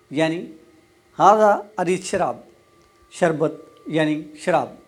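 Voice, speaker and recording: A man giving a casual spoken lesson, explaining Arabic phrases slowly and repeating each one. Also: on the high side. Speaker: Arabic language teacher. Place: Pakistan.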